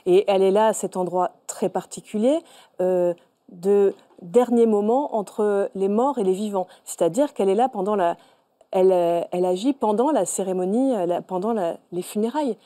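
A woman author on a talk show, speaking thoughtfully and hesitantly, with many pauses and fillers. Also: mid-range voice, dark tone. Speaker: author guest. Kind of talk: studio interview.

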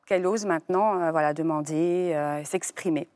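Low-voiced mother explaining calmly. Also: normal speed. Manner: calm, explaining with many fillers. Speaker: guest, mother. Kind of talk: interview answers.

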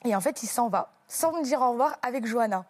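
A young woman guest on a TV talk show, telling a personal story with lively acted-out quotes. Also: fairly high pitch, quick pace, no echo.

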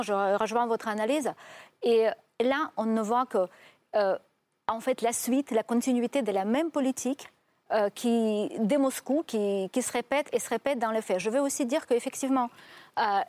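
A woman's voice: a little high, a little mellow, no room sound. A woman, a guest in a studio debate, speaking earnestly with many hesitations.

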